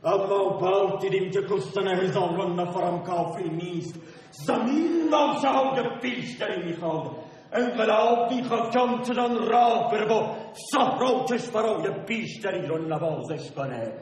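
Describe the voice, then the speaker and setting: A man's voice: high-pitched, lively intonation. An actor playing a feverish, paranoid revolutionary man in a bathtub on a theater stage, with a declamatory stage delivery that swings from brooding to outbursts. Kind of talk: stage play performance. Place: theater stage in a large hall. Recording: echoey hall from far off, faint hiss.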